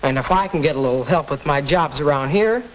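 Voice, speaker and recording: A young actor playing an eager, wholesome teenage son in a stagey 1940s educational film. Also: male voice, fairly high pitch, fast, lightly acted. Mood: earnest, helpful. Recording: crackly 1940s film soundtrack.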